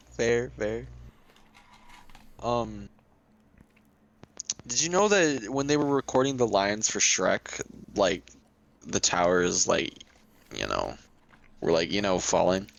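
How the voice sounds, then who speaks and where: A young man co-hosting a podcast in casual chat, rambling and halting with lots of fillers and restarts. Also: lowish voice, big pitch swings, vocal fry, rough recording. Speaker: podcast co-host.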